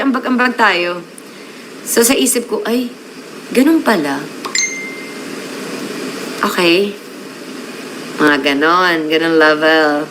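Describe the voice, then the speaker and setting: Woman, live-stream host, casual chat, bright tense voice, chatty, mixes English in. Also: medium pitch, slight background noise, low-quality recording.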